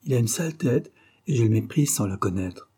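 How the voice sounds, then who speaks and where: A man voicing a big, brash young man who talks bluntly and provokes others with mocking calm. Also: mid-range voice, a little fast, husky. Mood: defiant.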